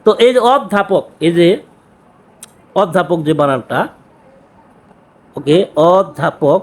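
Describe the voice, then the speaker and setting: Guy teacher going over exam grammar, fairly high voice, keeps repeating words and asking "okay?". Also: lively intonation. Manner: repeats key words, asks quick check questions. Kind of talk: exam-prep grammar lesson.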